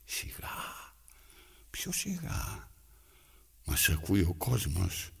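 A man's voice: medium pitch, big pitch swings, vocal fry, slightly rough, full character voice. An actor playing an aging, lonely man who talks to himself and his needle while mending his trousers, coaxing one moment and scolding the next. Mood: rambling. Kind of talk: theatrical monologue.

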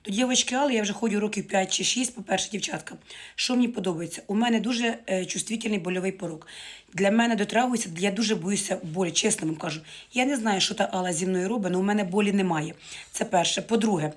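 Fast-chatting woman vlogger. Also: mid-range voice. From Ukraine. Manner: chatty, joking, addresses viewers as girls. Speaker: market vlogger. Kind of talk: casual live chat to viewers.

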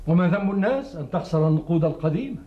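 An actor playing a learned, principled sheikh who speaks in measured, formal tones in a period drama. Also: male voice, on the high side, lively intonation, highs cut off. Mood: grave. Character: learned older sheikh, calm, principled historian.

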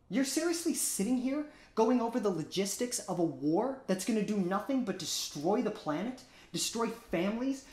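A man's voice: very high voice, a little mellow. A young man playing an indignant anti-war delegate in a comedy sketch, speaking in emphatic, pleading oratory. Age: young adult. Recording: roomy echo.

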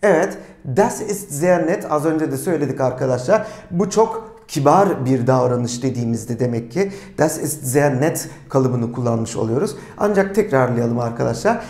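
Lively-voiced teacher in an echoey room. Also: mid-range voice. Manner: speaks German model phrases slowly and deliberately; asks the viewers quiz questions and answers them himself. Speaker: language teacher. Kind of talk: recorded language lesson.

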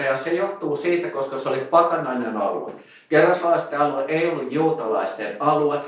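A man preaching a sermon in a relaxed, conversational way, telling stories with many fillers and restarts. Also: fairly high pitch. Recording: very echoey room, mic at a distance.

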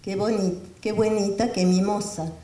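A woman voicing a mother who soothes her baby girl in a soft, cooing way, in a roomy hall. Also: medium pitch, steady tone, normal speed, distant mic, natural voice.

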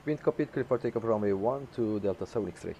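Man as pilot on cockpit headset, clipped readbacks, warm low tone, faint hum. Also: animated, fast talker. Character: airline pilot calling on cockpit headset radio. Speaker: flight simulator streamer flying as pilot. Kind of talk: clipped radio phraseology readbacks.

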